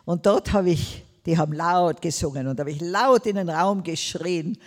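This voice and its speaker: Speaking at a normal speed in a large hall, she has a lowish, slightly mellow voice. This older Tyrolean woman with a local accent preaches with emphasis, stretching her words and crying out Amen and Hallelujah.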